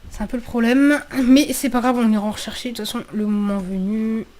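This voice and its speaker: Woman, fairly high voice, video game commentary, informal and slangy, sweary, thinks out loud, repeats herself. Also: a little fast. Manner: thinking aloud, repeating phrases. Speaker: gaming video creator. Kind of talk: casual let's play commentary.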